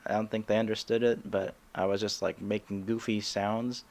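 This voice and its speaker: A man hosting a comedy podcast in casual chat, talking haltingly with many restarts and little laughs. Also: lowish voice, level tone.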